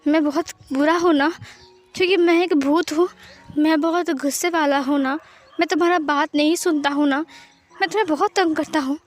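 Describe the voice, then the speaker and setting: Woman doing a resentful young male ghost, high voice, brooding and angry, storybook reading. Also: steady tone, normal speed, soft background music, close to an everyday voice. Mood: sulky. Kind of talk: storytelling voice acting.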